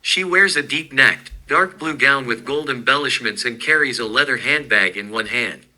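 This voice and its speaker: A man giving a scripted narration of a fan story in a smooth, even reading. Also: mid-range voice, normal speed, a little hiss or hum, poor audio.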